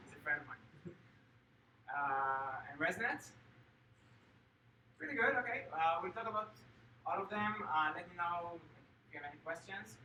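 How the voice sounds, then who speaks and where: A man's voice: on the high side, pushed and bright. Man from Israel giving a hesitant tech talk. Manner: hesitant, many filler sounds. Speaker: guest speaker. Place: meetup room. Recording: echoey room, distant mic, noisy.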